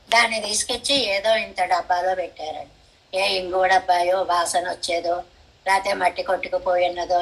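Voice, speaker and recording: An older woman, teaching a devotional commentary on hymns, explaining verses slowly and deliberately. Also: medium pitch, a bit bright, low-quality recording.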